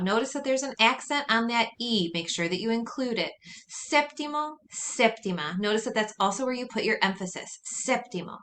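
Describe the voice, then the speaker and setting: Woman teaching a slow, careful lesson. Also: medium pitch, fairly bright tone, a little hiss or hum. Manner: slow, careful drilling of words. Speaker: Spanish teacher. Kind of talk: recorded classroom lesson.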